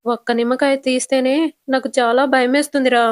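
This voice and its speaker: Lady putting on a nervous scheming mom, a bit high, slow and pleading. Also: level tone, no echo, clean studio sound, lightly acted. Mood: fretful. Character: fretful middle-aged mother caught scheming.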